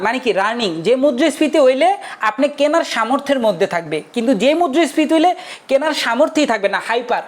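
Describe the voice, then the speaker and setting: A young male teacher giving a casual online lecture, chatty and forever checking whether his students have understood. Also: extremely high pitch. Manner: chatty, keeps asking students if they understood.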